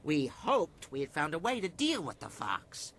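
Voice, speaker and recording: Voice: mid-range voice, huge pitch swings, moderate pace, a bit bright, slight background noise. A guarded inn keeper. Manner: formal, guarded, suspicious. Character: wary keeper of a haunted inn. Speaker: game character, inn keeper. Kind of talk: video game dialogue.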